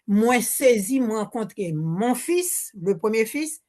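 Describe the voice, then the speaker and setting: Slow and dark-toned, with a fairly high pitch that swings widely, an older Haitian woman speaks into a handheld mic. As an audience member at a public Q&A, she asks her question spontaneously, hesitating, restarting often and blending Creole words into her accented French.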